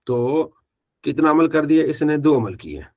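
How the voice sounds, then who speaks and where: A man with a slightly raised pitch teaches an online grammar class. He works through verb forms one by one and asks questions before he answers them. The recording is dull and lo-fi. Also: animated, a little slow. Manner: drills students by asking and answering his own questions, repeats forms.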